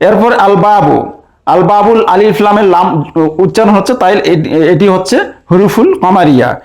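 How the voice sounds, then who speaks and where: A man's voice: high-pitched, brisk, darkish tone. A man teaching a recorded language lesson, going through each example methodically and repeating the same explanation, with some hesitations. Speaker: Arabic teacher.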